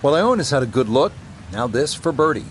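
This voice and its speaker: A man doing golf commentary as lead announcer, with a measured sportscaster delivery. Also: medium pitch, sing-song, background noise, natural voice.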